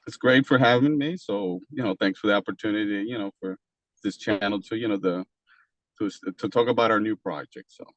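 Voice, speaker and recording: A man from Costa Rica, a native Spanish speaker with a Costa Rican Spanish accent, talking as an interview guest in a halting way with many fillers and restarts. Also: lowish voice, a bit bright, dry recording. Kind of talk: casual interview talk.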